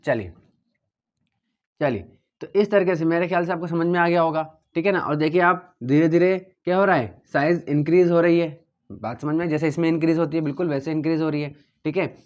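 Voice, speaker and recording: A man's voice: on the high side, fairly quick, muffled recording. A man teaching a physics lesson, explaining step by step at a board and checking often that his students follow. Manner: steady and repetitive, checking understanding often.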